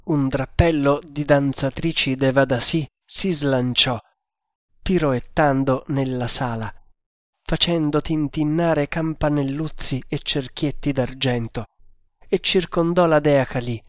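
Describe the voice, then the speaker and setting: A man's voice: mid-range voice, dry recording, clean studio sound. Man narrating an adventure novel. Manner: measured, dramatic storytelling. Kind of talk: audiobook reading. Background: faint music.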